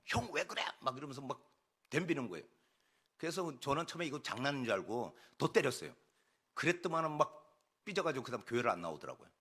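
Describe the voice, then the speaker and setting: A male pastor giving an early-morning sermon, rising to loud exhortation and then dropping to quiet, intimate tones. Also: mid-range voice.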